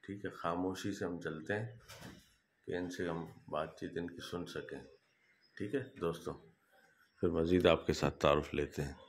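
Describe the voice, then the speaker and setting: A man with touches, chatting casually in a vlog as he shows his pet birds, speaking gently and calling to them in a coaxing voice. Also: low voice, steady tone, normal speed, pauses often, echoey room, a little hiss or hum. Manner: soft and hushed at the start, coaxing and calling to birds.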